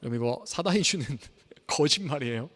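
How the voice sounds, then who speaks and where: A Korean man preaching a sermon as pastor, emphatic, swinging between hushed and loud. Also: a little high, expressive, brisk. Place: church hall. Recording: reverberant church hall.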